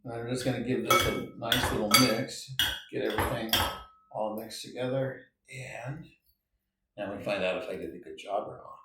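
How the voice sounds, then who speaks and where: Man, home cook, casual chatty demo, thinks out loud, voice far from the mic, very roomy echo, faint background hiss. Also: fairly low pitch, steady tone, moderate pace. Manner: chatty, thinks aloud, corrects himself. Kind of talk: casual cooking demonstration. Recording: very echoey room, mic far off.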